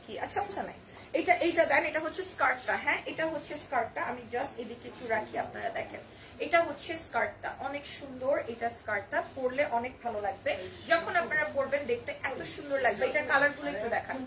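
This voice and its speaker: A young woman runs an online boutique and chats through a live-stream sales pitch, reading out viewer comments and answering them. She has a Bangladeshi Bengali accent and a hoarse, slightly bright voice, speaks fast, and there's a little background noise.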